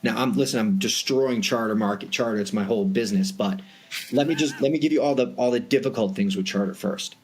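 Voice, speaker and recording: Speaking fast in a mid-range voice, a Boston-accented man who brokers private jet charters walks an interviewer through his industry. He is conversational and emphatic, the expert guest.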